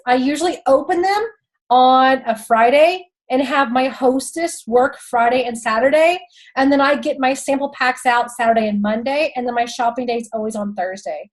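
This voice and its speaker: A chatty Texan woman in her thirties gives sales tips with laughing asides and calls her viewers y'all. Her voice sits high. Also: rough recording. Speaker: direct-sales consultant and host. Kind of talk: casual how-to talk.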